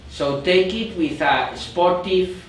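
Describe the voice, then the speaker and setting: Man, meditation teacher, slow and halting, echoey room, distant mic. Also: sits high, slight background noise. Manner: slow, repetitive, searching for words. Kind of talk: guided meditation instruction.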